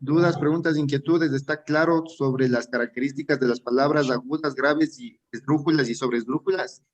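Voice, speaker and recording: An Ecuadorian man teaching an exam-prep class at an ordinary pitch for a man. He explains step by step and often stops to ask his students rhetorical check questions. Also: steady tone, normal speed, a little hiss or hum, rough recording. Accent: Ecuadorian Spanish.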